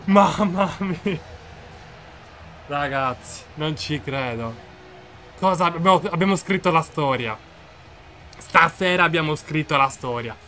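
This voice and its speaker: A man giving excited live commentary on his own football video game match, shouting and repeating himself in disbelief. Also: fairly high pitch, slow pace, pauses often, faint music behind. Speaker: gaming video creator.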